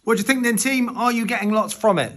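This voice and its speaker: A man's voice: high-pitched, fast, fairly bright tone. A man presenting a course, chummily urging viewers on in a promotional aside.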